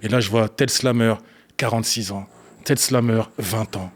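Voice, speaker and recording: Animated man telling his story. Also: fairly low pitch, normal speed. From Africa, grew up partly in Ethiopia. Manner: animated storyteller, acts out scenes, bursts of laughter. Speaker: guest, battle rapper and slam poet. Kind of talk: casual storytelling interview.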